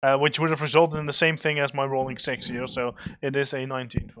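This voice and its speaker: A man's voice: mid-range voice, steady tone, quick pace, a bit bright, slight background noise. A man playing a tabletop game, talking through dice rolls in a matter-of-fact way. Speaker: player. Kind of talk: casual tabletop game chat.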